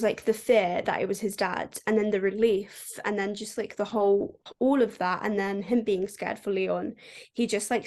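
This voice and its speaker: A woman with a medium-pitched, slightly mellow voice co-hosts a podcast, casually recapping a book in a chatty way that's full of "like" fillers.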